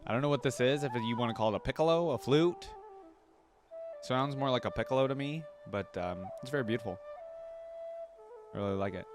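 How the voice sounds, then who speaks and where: Over background music, a male streamer with a medium-pitched voice talks fairly quickly and pauses often. He's hosting a reaction video, tossing out relaxed, conversational commentary punctuated by "you know what I mean."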